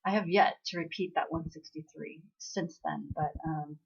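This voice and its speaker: A Korean-born American woman who vlogs about dramas chats casually and meanderingly, using lots of fillers. Her deep voice is gravelly and slightly rough, with fairly even intonation and a moderate pace. The sound is lo-fi.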